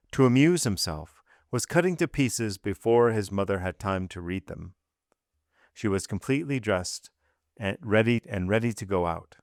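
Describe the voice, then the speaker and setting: Low-voiced man reading a classic novel. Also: dry recording, clean studio sound. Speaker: audiobook narrator.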